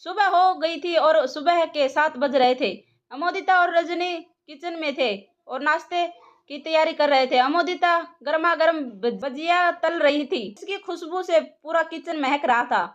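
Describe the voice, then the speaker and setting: Woman narrating an audio story, high pitched, steady and dramatic. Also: measured pace, lo-fi sound.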